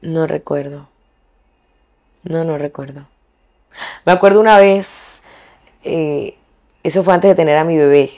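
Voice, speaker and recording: A young woman from Colombia, a singer being interviewed, talking frankly and colloquially, pausing and restarting as she thinks. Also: sits low, mellow. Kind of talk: candid interview conversation.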